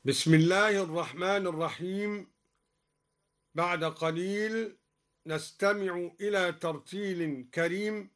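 High-voiced sheikh teaching in slow chant. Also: male voice, fairly bright tone. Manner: alternates measured explanation with slow melodic recitation. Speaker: Quran reading scholar. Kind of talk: broadcast lesson on Quran readings. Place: radio studio.

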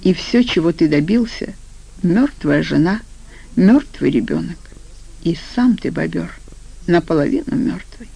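A woman narrating an audiobook in a steady, even storytelling voice. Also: on the low side, a little slow, vocal fry, husky, poor audio. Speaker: audiobook reader.

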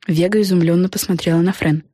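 A woman narrating a children's storybook in an expressive, measured way. Her voice is lowish and a little husky. The recording is close and dry. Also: dry recording. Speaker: audiobook narrator.

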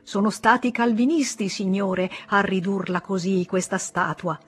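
A woman's voice: medium pitch, moderate pace, breathy edge, lightly acted. A woman reading aloud, voicing a pompous, fawning male church guide who lectures visitors in an unctuous tone.

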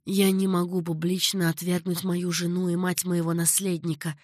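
A woman's voice: lowish voice, flat delivery, normal speed, no echo, studio quality, lightly acted. A woman voicing an older male caliph who speaks earnestly, patiently and with sorrow. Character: older male caliph, grave and tender ruler.

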